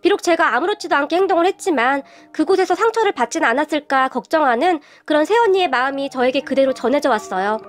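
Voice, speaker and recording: High, lively woman narrating a story. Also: quick pace, few pauses. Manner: first-person storytelling. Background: soft background music.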